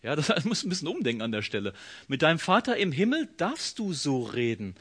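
A man's voice: on the high side, a little fast, breathy edge. A man preaching a sermon, speaking straight to the listener and acting out quoted prayers with feeling. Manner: expressive, acts out quoted voices, direct address. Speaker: pastor.

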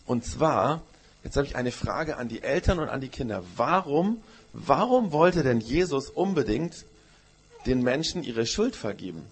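A man's voice: medium pitch, big pitch swings, unhurried, husky. A man, a pastor telling a Bible story to children in church, with many questions to them. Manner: storytelling to children, asks questions, uses "gell".

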